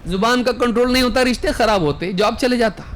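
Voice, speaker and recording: Male Islamic scholar giving a lecture, fairly high voice, reads out scripture slowly, asks the audience rhetorical questions. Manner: explains Quranic verses with rhetorical questions and everyday examples; recites Arabic verses slowly, then explains them. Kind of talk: religious lecture.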